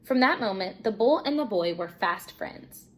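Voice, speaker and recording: Reading a children's story aloud, a female teacher narrates with expression. Her voice is mid-range and her pace moderate.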